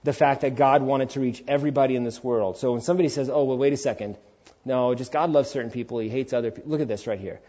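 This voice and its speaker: This forties-aged preacher talks fast in a mellow, mid-range voice, captured with lo-fi sound. His sermon is emphatic yet conversational, with casual asides, rhetorical questions and quotes he acts out.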